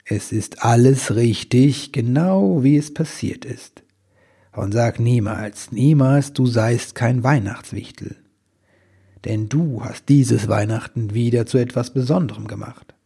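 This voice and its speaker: A big, kindly Santa Claus from a storybook who speaks gently and in a fatherly way. He can also turn stern and booming. The voice is gravelly and husky, as a man reading a tale puts it on. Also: measured pace. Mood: gentle.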